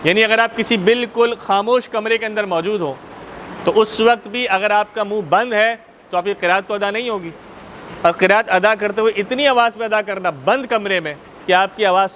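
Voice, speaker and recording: Mosque teacher, Pakistani Urdu, male, repeats his points and checks the class, bright tone. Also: high-pitched, slight background noise. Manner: repetitive, checks students' understanding. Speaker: religious teacher. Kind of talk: Islamic jurisprudence class.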